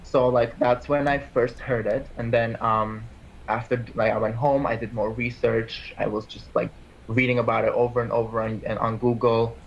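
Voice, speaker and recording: With a medium-pitched, level voice and some vocal fry, a man in his twenties who was born in Armenia speaks at a moderate pace as an interview guest and PA school applicant. His talk is casual and rambling, heavy on "like" and restarts, and the lo-fi sound carries a little hiss or hum.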